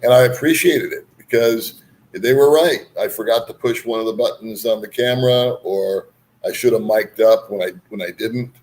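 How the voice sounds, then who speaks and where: A man's voice: fairly low pitch, normal speed, darkish tone, rough recording. A man hosting a casual livestream, rambling easily as he reads and answers viewer comments with bantering remarks. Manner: rambling, chuckling, easygoing banter. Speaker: livestream host.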